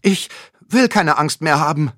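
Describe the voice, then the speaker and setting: A man voicing a brave young boy who speaks out boldly and loudly. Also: mid-range voice, big pitch swings, normal speed, breathy edge, no room sound, clean studio sound, voice pushed up. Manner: bold and loud.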